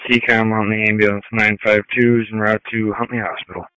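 A man's voice: lowish voice, level tone, a little fast, sharp tone, smooth, dry recording. A male ambulance crew member making terse, procedural calls over a two-way radio. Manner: clipped, procedural. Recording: dry, slightly narrow radio audio.

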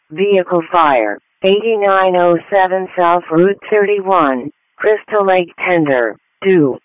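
Slow, high-pitched male dispatch announcer. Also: no echo. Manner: measured, address read in short segments. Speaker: fire dispatcher. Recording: narrow phone-like radio audio.

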